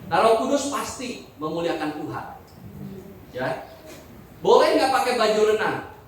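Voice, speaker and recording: A pastor preaching a sermon in a church, joking and asking the congregation questions. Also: male voice, sits high, sing-song, unhurried, slight background noise. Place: church hall. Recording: very echoey hall, from a distance.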